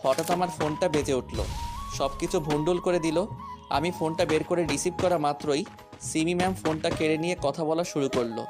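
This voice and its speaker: Man narrating over loud music. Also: on the high side, fast. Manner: playful, cheeky narration. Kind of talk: first-person story narration.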